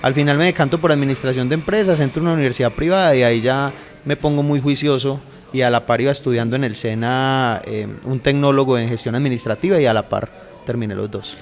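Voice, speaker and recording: A Colombian man in his thirties, a podcast guest chatting casually and telling his own story in a relaxed way. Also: medium pitch, fast. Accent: Colombian Spanish. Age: 30s. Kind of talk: casual interview chat.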